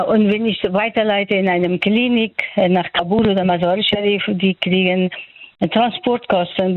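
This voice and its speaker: A woman's voice: medium pitch, dry recording. Older afghan-accented woman on a dry tinny phone line, lots of ums, searching for words. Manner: hesitant, many fillers, searching for words. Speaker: doctor interviewed on radio. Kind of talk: phone interview.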